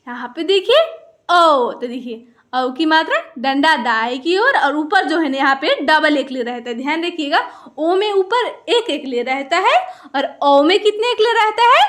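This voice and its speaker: High-voiced woman teacher, question-and-answer style. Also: a bit bright. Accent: Hindi. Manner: asks questions and answers them herself, repeats key points. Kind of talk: explaining a lesson to viewers.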